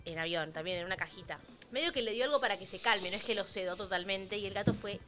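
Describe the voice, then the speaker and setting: A woman with a Rioplatense Spanish accent, a co-host telling a story in a quick, chatty way in a casual group chat. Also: mid-range voice, sharp tone.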